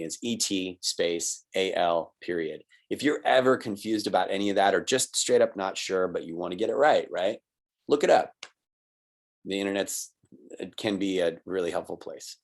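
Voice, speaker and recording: Low-voiced man teaching citation rules. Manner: conversational, checks in with "right?" and "okay?"; explanatory, patient, with little laughs. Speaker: college writing instructor. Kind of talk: recorded online lesson with screen share.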